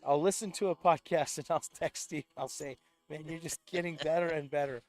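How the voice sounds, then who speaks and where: A man's voice: a little high, fairly even intonation, brisk. A man commentating casually on a sporting event, chatty and rambling, with frequent restarts and light laughs.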